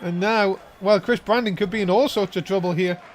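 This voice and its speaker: High-pitched male wrestling commentator, noisy recording. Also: some chatter behind. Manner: breaks into drawn-out excited shouts at big moves. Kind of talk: play-by-play wrestling commentary, informal.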